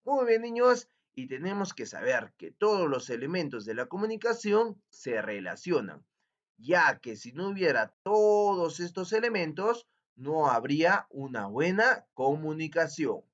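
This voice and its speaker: A man teaching a lesson to young children, in a sing-song manner, slowing down to stress key words. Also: a little high, big pitch swings. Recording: dull lo-fi recording.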